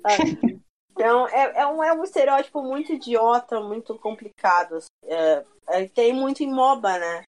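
A woman, telling a story in casual chat with a mocking, lively manner. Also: fairly high pitch, normal speed. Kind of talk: casual chat about gaming.

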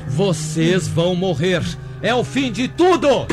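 A man playing a vengeful dying father in a telenovela, shouting threats and warnings at intruders. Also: a little high, quick pace, close to an everyday voice. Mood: menacing fury. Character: dying, vengeful father holding enemies at gunpoint. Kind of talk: melodramatic telenovela acting. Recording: dramatic music behind.

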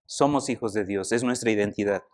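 Speaking briskly in a lowish voice, this young preacher delivers a chatty, animated sermon and regularly asks his listeners questions.

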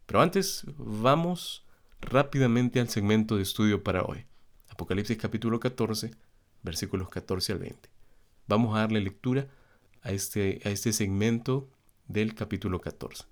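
A man teaching a Bible study in an earnest, measured way and speaking directly to his listeners. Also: on the low side.

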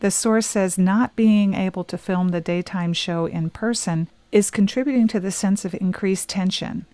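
Woman cohost reading celeb news, casual, smooth voice, dry mic. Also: medium pitch, moderate pace, warm tone, dry recording. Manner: reads news items aloud, chatty asides. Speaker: podcast co-host.

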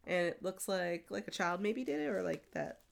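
A woman's voice: mid-range voice, expressive, moderate pace, gravelly, slight background noise. A woman co-hosting a casual chat, playful and teasing. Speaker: podcast co-host.

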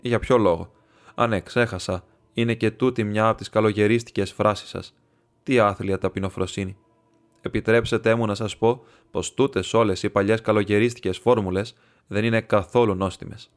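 A man's voice: on the low side, fairly even intonation, natural voice. A man voicing a proud, scornful nobleman who makes a bitter, mocking confession. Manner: mocking and defiant.

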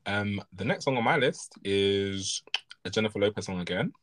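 A man's voice: lowish voice, animated, normal speed, a bit bright. A man co-hosting a podcast in casual chat, rambling and correcting himself with frequent chuckles. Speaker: podcast co-host.

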